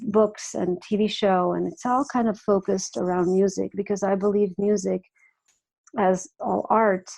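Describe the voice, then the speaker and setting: A Croatian-born woman in her forties, a music artist and life coach, chats warmly as a guest on a casual podcast interview. Her medium-pitched voice has a gravelly edge and fairly even intonation, and she speaks a little slowly, often restarting sentences and laughing.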